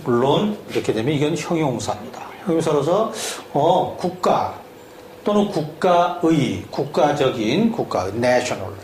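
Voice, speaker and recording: In an echoey room with a faint hum, a male English teacher drills spelling syllable by syllable and quizzes the listener along the way. His voice is fairly high and darkish, very animated yet unhurried.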